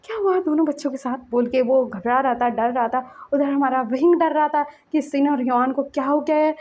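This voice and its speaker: A woman's voice: high-pitched, steady tone, normal speed, a little mellow. A young woman casually narrating a fan-fiction story, chatty with filler words.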